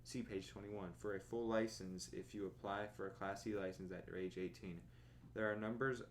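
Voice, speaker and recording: A man's voice: fairly low pitch, normal speed, slight background noise. Young man droning through a driver's manual. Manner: plodding monotone reading with yawns and asides. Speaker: streamer. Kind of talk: reading a driver's manual aloud. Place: bedroom at home.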